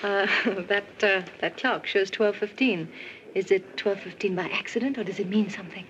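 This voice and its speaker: A woman's voice: mid-range voice, normal speed, a bit bright, slight background noise, natural voice. A woman playing a curious, fascinated society wife in 1940s screwball comedy banter, asking coy, polite, probing questions. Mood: playfully probing. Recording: dull old film soundtrack with music.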